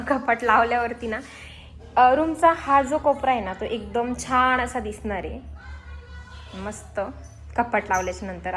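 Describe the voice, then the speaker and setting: Holding her phone in a small room at home, this young woman chats for her vlog in a fairly bright voice on the high side, with a roomy sound. Chatty throughout, she switches to a coaxing sing-song when talking to her little son.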